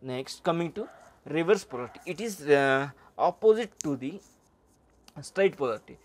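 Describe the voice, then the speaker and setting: A middle-aged man, lecturing on welding over slides, with halting speech and frequent "uh" and "okay". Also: fairly high pitch, expressive. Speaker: welding instructor.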